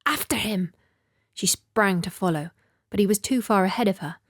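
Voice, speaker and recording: A woman reading a novel aloud as an audiobook narrator in a measured, even storytelling manner. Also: mid-range voice. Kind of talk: scripted narration.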